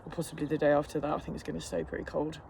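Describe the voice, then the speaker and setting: Man, higher-pitched voice, casual vlog chat, rambling and self-deprecating, braced against the cold, noisy outdoor recording. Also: flat delivery, racing, vocal fry, a little mellow. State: cold-stressed, sitting in icy water. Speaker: fitness instructor vlogger. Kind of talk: casual chat to camera during a cold plunge. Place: outdoors in an ice bath.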